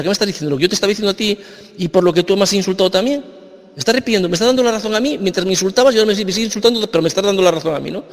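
A man's voice: sits high, long reverb tail. A man with a Spain Spanish accent, arguing insistently and repeating his points in a heated religious debate. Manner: argumentative, insistent, repeats himself. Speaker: debate participant.

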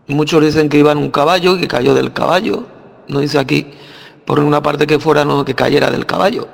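A man's voice: on the high side, vocal fry, in a large hall. A man teaching from the Bible, explaining it verse by verse and answering his own questions. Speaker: preacher.

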